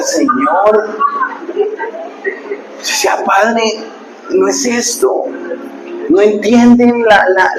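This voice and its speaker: A man pastor, preaching a sermon and telling stories, dropping to hushed asides and rising to loud preaching. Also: high voice. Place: church hall. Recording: echoey hall with background noise.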